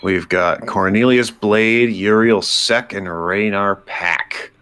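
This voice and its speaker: A man's voice: fairly low pitch, takes it slowly, a bit bright, clean tone, no room sound. A man playing in a casual tabletop role-playing session, joking and chatting with the group. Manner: playful, laughs often. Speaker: player.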